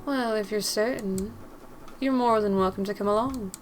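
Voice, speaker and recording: A woman voicing a gentle, courteous man in a put-on British accent. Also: medium pitch, slight background noise, natural voice. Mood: kind. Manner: soft-spoken, courteous, measured.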